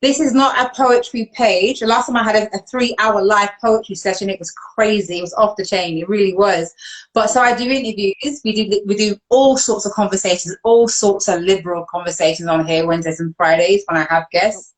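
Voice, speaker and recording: British woman, live-stream host, chatty, mid-pitched, on a video call. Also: brisk, poor audio. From United Kingdom. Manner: chatty, laughs often, thinks aloud while reading comments. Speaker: host of a live online show. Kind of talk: casual live-stream chat.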